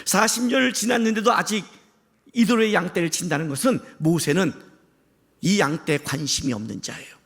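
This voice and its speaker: A man preaching a sermon as pastor, impassioned, shouting for emphasis and firing rhetorical questions at the congregation. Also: high voice, brisk, creaky.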